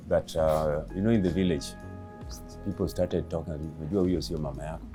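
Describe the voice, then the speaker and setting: A man in his fifties with a very deep, low voice answers interview questions, pausing often and filling gaps. A clear music bed runs beneath his words. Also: steady tone. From Kenya. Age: 50s. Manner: halting, many pauses and fillers. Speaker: interviewee, father of the late comedian.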